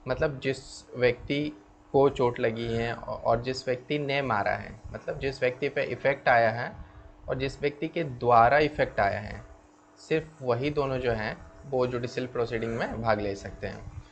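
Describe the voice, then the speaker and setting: A man's voice: mid-range voice, moderate pace. A man teaching law, explaining step by step and often checking in with "okay". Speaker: law lecturer. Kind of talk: explanatory lecture. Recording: slightly dull lo-fi sound with faint background noise.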